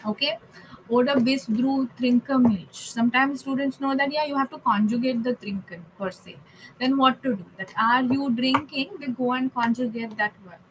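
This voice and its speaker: A woman teaching German grammar in an online class, stressing words slowly and often checking "okay?". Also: high voice, background noise.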